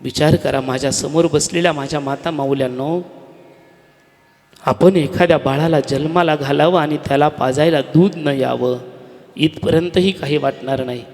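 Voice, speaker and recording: Fiery high-voiced man preaching in a hall. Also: fairly even intonation, moderate pace. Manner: dramatic, swings from hushed to shouting. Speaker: kirtan preacher. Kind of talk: devotional storytelling sermon. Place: hall with an audience. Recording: long hall reverb.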